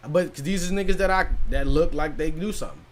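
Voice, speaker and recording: A young man co-hosting a podcast, bantering loudly in casual chat, animated and profane. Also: a little high, fast talker, over a noisy crowd. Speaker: podcast co-host.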